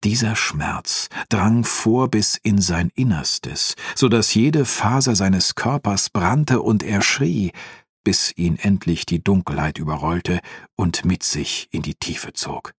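A man reading a fantasy audiobook in a calm, even storytelling voice, close to the mic. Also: deep voice, takes it slowly, husky, no room sound. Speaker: audiobook narrator. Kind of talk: scripted fantasy audiobook narration.

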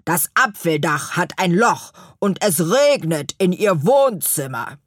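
A woman voicing Gurkenhut, a bossy little male gnome foreman who gives brisk orders. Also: on the low side, expressive, no echo, clean studio sound.

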